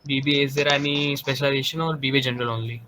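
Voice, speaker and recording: A man's voice: medium pitch, little pitch movement, very fast, pushed and bright, slight background noise. A man quizzing an applicant in an online interview, asking direct questions with a few fillers. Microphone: computer microphone on a video call.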